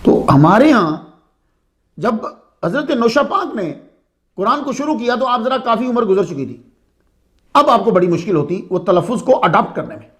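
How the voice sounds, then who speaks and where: High, lively-voiced man giving a sermon. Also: long pauses. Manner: conversational, asks the audience questions. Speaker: religious speaker. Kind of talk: sermon-style storytelling lecture.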